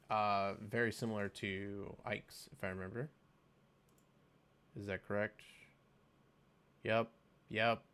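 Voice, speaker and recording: Man, lowish voice, casual gaming reaction, reads out skill text, thinks aloud with ums. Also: fairly bright tone. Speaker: game video creator.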